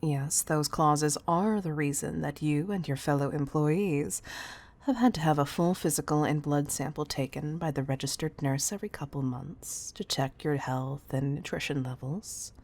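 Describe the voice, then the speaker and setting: A deep, darkish-toned female voice portrays a composed CEO with a commanding presence in intimate roleplay audio, teasing and patronizing in a measured way while staying affectionately firm.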